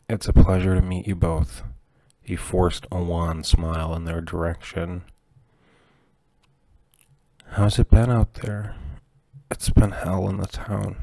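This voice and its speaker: A deep-voiced man narrates a horror tale in a slow, measured way, keeping his tone flat and steady. His voice is close and dry, with faint music playing softly behind him. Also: no room sound.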